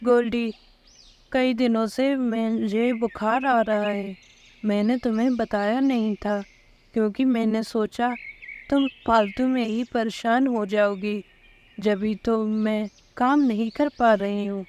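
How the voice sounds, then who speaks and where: A woman's voice: a little high, steady tone, a little mellow, dull audio, natural voice. A woman voicing a female bird who pleads with her friend and later forgives her. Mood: pleading.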